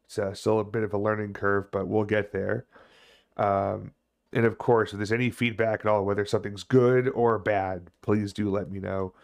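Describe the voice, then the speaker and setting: Low-pitched man streaming casually. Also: flat delivery, vocal fry. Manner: halting, sweary, rambling. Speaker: video game livestreamer. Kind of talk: casual livestream chat. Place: small indoor home room.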